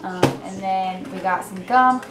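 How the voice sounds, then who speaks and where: Speaking a little slowly at a medium pitch, this young American vlogger from Indiana chats informally and wanders from topic to topic. Her camera microphone captures noisy handheld audio with an echoey, roomy feel.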